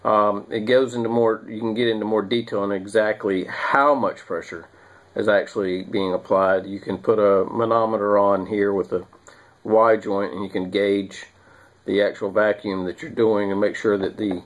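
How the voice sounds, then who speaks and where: A middle-aged man demonstrating how to test a part, unhurried, with frequent ums and restarts. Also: lowish voice, little pitch movement. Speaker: HVAC technician. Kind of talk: hands-on repair demonstration. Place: small home room.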